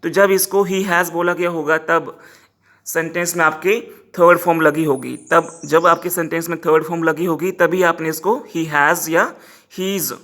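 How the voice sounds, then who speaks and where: A man with an Indian English accent teaching a pronunciation lesson, explaining in Hindi and slowly modelling English words. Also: a little high, fairly even intonation, fairly bright tone.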